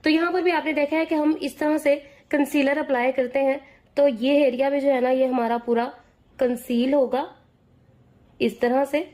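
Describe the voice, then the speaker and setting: Hoarse high-voiced woman teaching makeup. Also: fairly even intonation, moderate pace, darkish tone, echoey room. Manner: patient explaining, frequent check-ins. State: hoarse, straining her voice. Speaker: makeup tutor. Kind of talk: step-by-step makeup tutorial.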